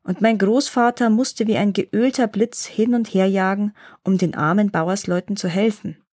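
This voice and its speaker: A woman reads the part of a wise old gnome grandfather reminiscing about the old days, like a storybook read aloud. Her medium-pitched voice stays close to her everyday reading voice, calm and measured at an even, unhurried pace, in a telling mood.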